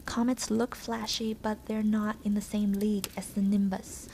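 A woman's voice: mid-range voice, little pitch movement, moderate pace, mellow, a little hiss or hum, natural voice. A woman voicing an envious, cheeky schoolboy with a teasing manner in a whispered role-play. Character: envious, cheeky boy wizard, best friend.

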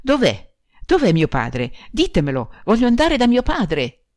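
A woman's voice: rumbling low, huge pitch swings, normal speed, no echo, clean studio sound, full character voice. A woman voicing a frightened, tearful young bride who pleads in an agitated voice. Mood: distraught.

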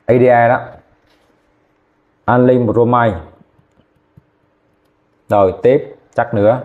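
A man teaching chemistry, dictating formulas slowly and repeating names, often checking whether students follow. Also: medium pitch, steady tone, phone-quality sound. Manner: slow, repetitive, checking in with "ok chưa?". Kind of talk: classroom lesson, dictating formulas.

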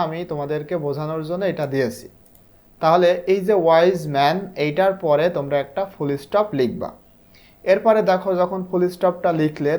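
A male English teacher with a Bangladeshi Bengali accent, explaining a textbook lesson step by step. He reads the English lines slowly and answers his own questions. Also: a little high, a little mellow.

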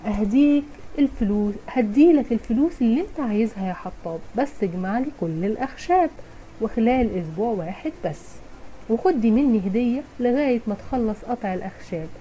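A woman's voice: on the high side, animated, quick pace, mellow, a little hiss or hum, close to an everyday voice, low-quality recording. A woman with an Egyptian Arabic accent voicing a rich, mysterious, commanding male merchant in a children's storybook tale. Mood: demanding.

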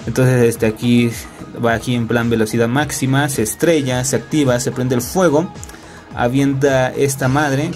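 A young man with a Mexican Spanish accent gives casual, joking gameplay commentary full of fillers and tag questions. His mid-range voice is a little mellow, and it's recorded on a laptop.

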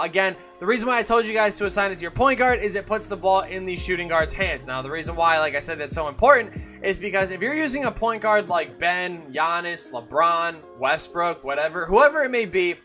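A man's voice: high-pitched, sharp tone. A young man talking casually through a video game tutorial for his channel, chatty and full of fillers and self-corrections. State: has the hiccups. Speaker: gaming YouTuber. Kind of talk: casual gameplay tutorial commentary.

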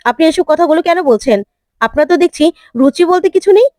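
A woman's voice: sits high, lively intonation, brisk, darkish tone, no room sound, studio quality. A woman voicing an indignant young man who challenges a meddling woman with heated questions.

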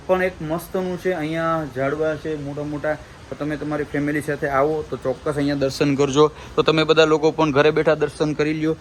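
A man's voice: a little high, a little hiss or hum. A man, hosting a casual family vlog outdoors, chatty and joking as he talks to the viewers as family. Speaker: vlogger host. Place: outdoors at a temple and village homes.

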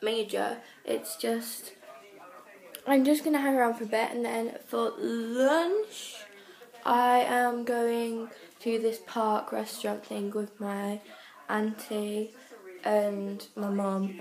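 A teenage vlogger talks casually to her phone, held at arm's length, rambling in a chatty, self-conscious way with a slightly high, somewhat mellow voice. She moves from rooms at home to a restaurant and a bathroom, and the audio sounds echoey, as if bouncing around the room.

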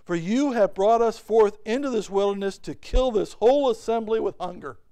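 A middle-aged man preaching a sermon from a church pulpit, animated and full of rhetorical questions. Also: high-pitched, moderate pace, clear, resonant tone. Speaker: pastor. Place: church sanctuary, at a pulpit by a whiteboard.

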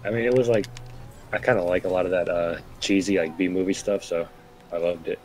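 A young man chatting in a relaxed way and telling stories while gaming with a friend. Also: low-pitched, a little fast, a little hiss or hum. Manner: laid-back, chuckling storyteller. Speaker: gaming co-host. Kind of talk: casual gameplay chat.

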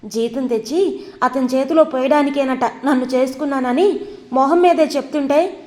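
A woman voicing a proud, quarrelsome young wife who bursts out in shrill, tearful accusations. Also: moderate pace, darkish tone, big-room sound, close to an everyday voice. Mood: indignant. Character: proud angry young wife, quick to fight.

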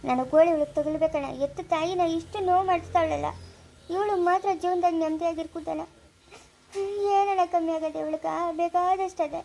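A woman with a rural Chikkaballapura Kannada accent playing a bitter village woman who shouts and scolds in a family feud. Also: very high voice, steady tone, brisk, a little hiss or hum. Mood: bitter ranting.

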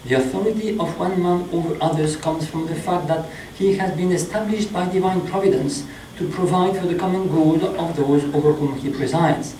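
A middle-aged man with a French accent, a priest reading a sermon slowly and in a measured way in a small chapel. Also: fairly high pitch, warm tone, a little hiss or hum. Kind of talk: sermon read from notes. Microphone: stand mic. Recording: echoey chapel, mic at a distance.

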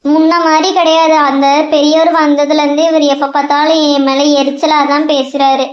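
A woman's voice: high-pitched, little pitch movement, normal speed, natural voice. A woman voicing an earnest young schoolboy in a cartoon who pleads with his father, recorded with a dull, echoey sound. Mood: sulking. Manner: pleading and hurt. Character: earnest young schoolboy son, eager to help.

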